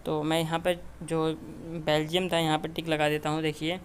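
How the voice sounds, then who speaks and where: A man with a somewhat high, level voice teaches a memory tutorial on mnemonics at a brisk pace, with slight background noise. He walks through each step and checks in after nearly every phrase, constantly repeating "ठीक है" and other short checks.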